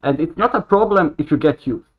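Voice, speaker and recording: A man's voice: on the high side, animated. Earnest young man from Croatia, lo-fi sound. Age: 20s. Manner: earnest, halting, with frequent restarts. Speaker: guest. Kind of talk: casual conversation. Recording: dull lo-fi sound.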